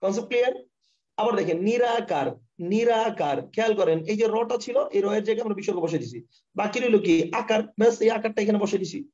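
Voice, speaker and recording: A man with a Bangladeshi Bengali accent teaching grammar in a live online class over a computer mic. He explains step by step, repeats himself and keeps asking students if the concept is clear. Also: high-pitched, fast, darkish tone. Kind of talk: live online lesson with screen share. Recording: dull, lo-fi online class audio.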